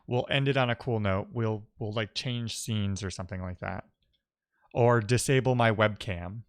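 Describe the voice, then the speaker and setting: While live-streaming his coding, a man with a voice on the low side talks casually and haltingly, muttering to himself and thinking aloud as he works.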